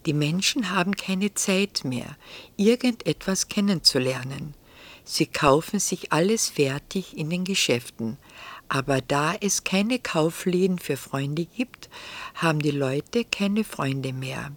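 A woman voicing a wise, patient, lonely fox in a whispered role-play, with a soft, gently pleading whisper. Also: low-pitched, expressive, takes it slowly, heavily acted. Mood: gentle musing.

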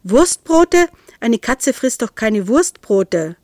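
A woman's voice: mid-range voice, animated, measured pace, a little mellow, no echo, studio quality, natural voice. Woman doing a doting cheerful lady. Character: fond, cheerful blonde woman.

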